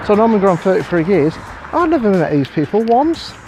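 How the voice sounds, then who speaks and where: A man's voice: sits high, very animated, brisk, music in the background. An English man in his thirties rambling bluntly and swearing while walking outdoors past fields, filming himself on a phone. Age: 30s. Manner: sweary, blunt, ranting with sarcastic put-on voices. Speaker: vlogger. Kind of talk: casual rambling vlog.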